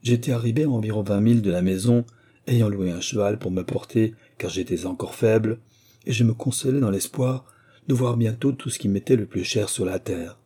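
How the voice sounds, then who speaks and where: Brief: low husky male audiobook narrator, measured and earnest. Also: dark tone. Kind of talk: audiobook reading.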